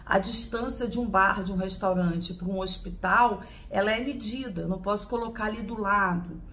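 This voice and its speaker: A woman's voice: mid-range voice, moderate pace, fairly bright tone. A woman from Brazil teaching a lesson, explaining step by step and answering her own questions. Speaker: law teacher.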